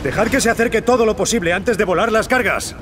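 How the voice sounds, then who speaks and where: A man's voice: sits high, fast, background noise, natural voice. A man playing a resolute, loyal military captain in an action game, with a Castilian Spanish accent.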